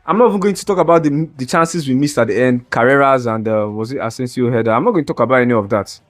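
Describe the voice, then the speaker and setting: A young man with a mid-range voice talks fast in a ranting reaction video, a football fan vlogger fuming over a match. Heated and exasperated, he stumbles through restarts and strains his voice.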